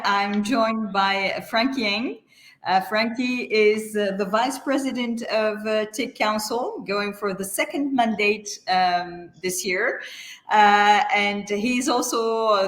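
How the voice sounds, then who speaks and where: A woman's voice: medium pitch, fairly bright tone, reverberant. A woman hosting a business interview, introducing her guest with many hesitant fillers. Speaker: interview host.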